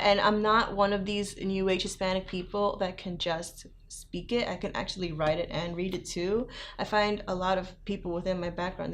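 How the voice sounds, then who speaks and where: A young woman model, from New York but raised in South Florida, chats casually in an interview, laughing easily and saying "like" often. Her voice is mid-range, with slight background noise.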